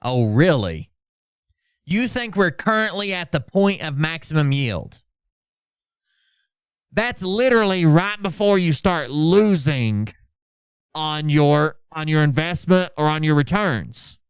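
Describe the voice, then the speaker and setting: A man's voice: on the high side, lively intonation, slow, smooth, dry recording, clean studio sound. A man hosting a livestream, giving mocking, sarcastic commentary on social media posts in casual, sweary chat. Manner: sarcastic, sweary, mock-dramatic when reading posts out. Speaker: livestream host.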